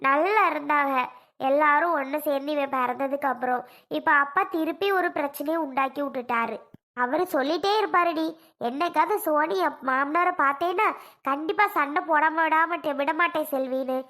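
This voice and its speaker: A woman's voice: high voice, normal speed, sharp tone. A woman voicing a middle-aged mother who coaxes and pleads in a cartoon serial. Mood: worried. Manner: coaxing, pleading.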